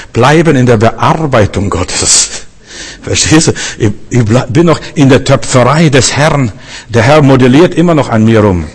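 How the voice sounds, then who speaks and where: A man delivers a fervent sermon, circling back to the same phrases again and again. His voice is husky and a little breathy. It rings out with a long reverb, as if in a large hall. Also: on the low side. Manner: fervent, repetitive preaching with frequent rhetorical questions. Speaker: preacher.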